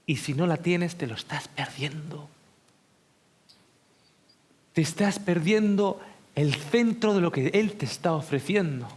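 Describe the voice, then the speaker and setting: A male preacher giving a seminar sermon. He speaks with emotion, asks listeners direct questions and sinks into slow, hushed whispers for emphasis. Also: on the high side, expressive, husky.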